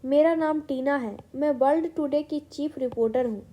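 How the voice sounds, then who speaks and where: A woman's voice: sits high, moderate pace, highs cut off, lightly acted. A woman voicing a confident young female chief reporter in a comic story, read plainly.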